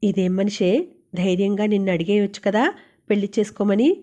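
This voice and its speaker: A woman's voice: medium pitch, little pitch movement, fairly quick, dark tone, natural voice. A woman voicing a cheerful young female roommate who teases and fusses over her friend. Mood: teasing. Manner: teasing, fussing.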